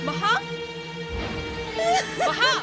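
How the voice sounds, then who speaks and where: A woman's voice: drawn-out words, loud music behind the voice. An actress playing a distraught young woman, crying and wailing for her friend. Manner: wailing, sobbing, screaming.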